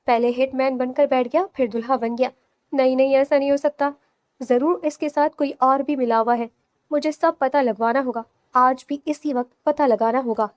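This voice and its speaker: A woman's voice: high-pitched, fairly even intonation, lightly acted. A woman voicing a fiery young bride in an audio novel, firing indignant retorts at her new husband.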